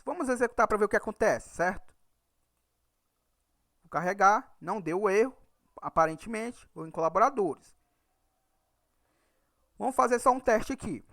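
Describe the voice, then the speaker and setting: A man with a northeastern Brazilian accent from Ceará teaches a screen-recorded programming tutorial as an Excel VBA instructor, checking in with "right?" after nearly every point. His voice sits high and is a bit bright. The recording is dry and studio quality.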